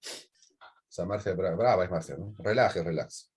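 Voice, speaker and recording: Man, Peruvian accent, teacher, slightly deep voice, husky, online class, repeats his points. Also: unhurried, a little mellow. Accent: Peruvian Spanish. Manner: repetitive, with frequent check-in tags.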